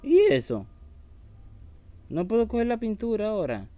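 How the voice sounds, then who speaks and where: A man's voice: high-pitched, very animated, moderate pace, muffled recording, soft background music. A man commenting on a horror game he is playing, taunting the enemy and shrieking when startled. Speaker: gaming YouTuber.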